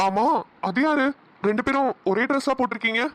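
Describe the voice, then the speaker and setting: A woman's voice: on the high side, fairly bright tone, close to an everyday voice. A woman voicing a brash, hot-tempered young guy. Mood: pushy. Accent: Namakkal Tamil.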